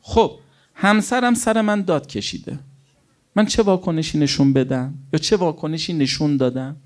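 A middle-aged man, a cleric, preaching a sermon with anecdotes told as quoted dialogue and rhetorical questions to his listeners. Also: fairly high pitch.

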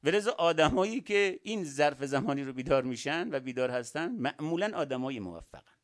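A man delivers a sermon in a somewhat high voice. He asks rhetorical questions and drops to quiet tones before rising sharply for emphasis. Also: lively intonation. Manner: emphatic, swings from quiet to loud. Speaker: religious speaker. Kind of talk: sermon to an audience.

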